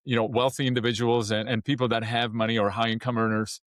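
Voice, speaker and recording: A man from Czechoslovakia hosting a podcast, talking quickly and stumbling over repeated words. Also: mid-range voice, flat delivery, no room sound, studio quality. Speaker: podcast host. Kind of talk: podcast interview.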